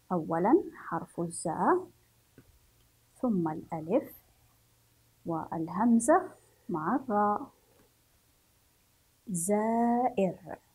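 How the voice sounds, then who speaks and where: A woman from Yemen teaching a children's reading and writing lesson. She draws out each word slowly, syllable by syllable, for young pupils. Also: lowish voice, a little mellow, slightly rough, poor audio.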